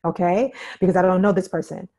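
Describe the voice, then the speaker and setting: Woman, workshop instructor, low voice, mellow tone, emphatic, keeps checking in with listeners. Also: fairly even intonation, fast talker. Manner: emphatic, checks in with "okay?" and "right?"; repeats key phrases for emphasis. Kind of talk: interactive teaching talk.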